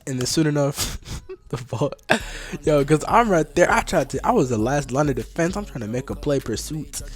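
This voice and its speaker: A young man giving casual, slangy, excitable commentary on his old game footage. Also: fairly high pitch, moderate pace. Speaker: vlogger.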